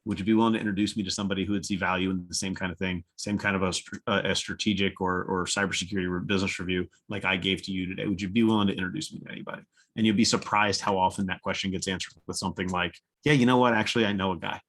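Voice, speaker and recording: A man giving a conference-style talk to business owners, blunt and energetic, with casual swearing and acted-out customer dialogue. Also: low-pitched, very fast. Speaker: presenter. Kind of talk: conference talk replayed on a webinar.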